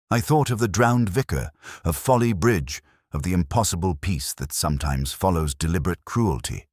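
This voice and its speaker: An extremely deep male voice with a breathy edge narrates a scripted detective tale, measured and literary in style. Though brooding, his intonation moves widely. The sound is close and dry, with no echo.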